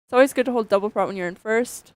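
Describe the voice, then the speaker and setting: A woman's voice: fairly high pitch, very fast, a little hiss or hum. A young woman co-casting a college esports match in a chatty, upbeat way with plenty of fillers. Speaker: esports co-caster. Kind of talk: casual esports commentary.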